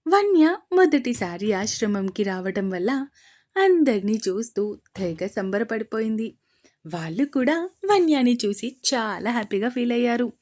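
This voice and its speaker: Woman storyteller, slightly high voice, steady, scripted narration. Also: a little slow.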